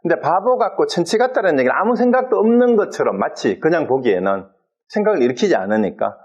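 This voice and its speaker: Animated male Buddhist lecturer. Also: fairly high pitch, fast talker, breathy edge. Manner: lively, explains terms step by step and acts out quoted exchanges. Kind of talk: explanatory classroom lecture. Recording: dull lo-fi sound.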